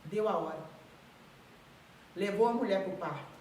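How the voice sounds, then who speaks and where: A woman preaching a live sermon in an animated way, acting out the voices of people she describes. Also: mid-range voice, unhurried, a little hiss or hum. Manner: animated, acts out quoted voices and laughs. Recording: echoey room.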